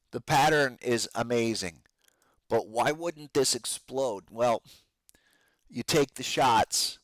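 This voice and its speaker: A trading podcast host offers casual live stock market commentary in a mid-range voice, captured in a dry, low-quality recording. He uses informal trader slang and calls his listeners "guys," while his voice sounds strained and keeps giving out.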